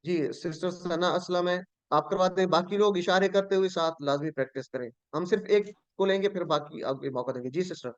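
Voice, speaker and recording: A male teacher with a high voice runs an online Arabic grammar class, speaking briskly with few pauses. He's patient, repeats key words, and questions his students. The audio is dull and dry with no room sound, like a computer mic on a video call.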